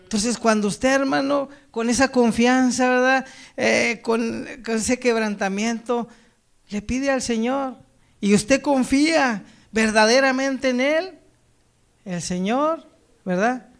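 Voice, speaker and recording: Guy preaching slow, real high voice, keeps calling everyone brother and going "right?". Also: vocal fry. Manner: addresses listeners as brother, tags lines with a questioning "right?"; reads quoted lines slowly and loudly, then drops to a soft, quiet tone. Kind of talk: sermon reading scripture and commenting.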